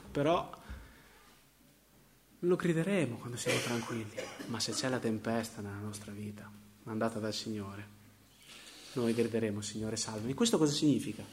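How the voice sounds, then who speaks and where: A man delivering a sermon with a very wide dynamic range, rising to loud, high-pitched exhortation before sinking to hushed, low near-whispers. He speaks at a middle pitch for a man and keeps putting rhetorical questions to his listeners. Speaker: preacher.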